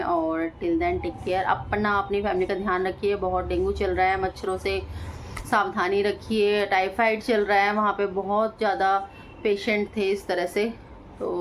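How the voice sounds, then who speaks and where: Woman family vlogger, casual homely chat, faint noise behind. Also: mid-range voice. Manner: chatty, homely, addresses viewers as friends. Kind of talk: casual vlog update.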